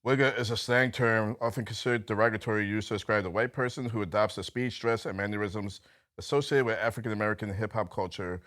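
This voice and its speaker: A man's voice: lowish voice, fairly even intonation, quick pace, fairly bright tone. A man from Brooklyn co-hosting a podcast, telling a story loosely with frequent laughs and swearing. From Brooklyn, New York. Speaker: podcast co-host. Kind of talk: casual storytelling chat.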